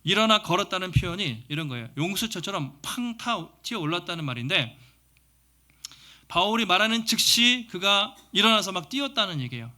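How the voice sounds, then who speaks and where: Male pastor, bright and slightly high voice, lively storytelling sermon. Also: a little fast. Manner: lively storytelling with sound words and dialect imitations. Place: church sanctuary.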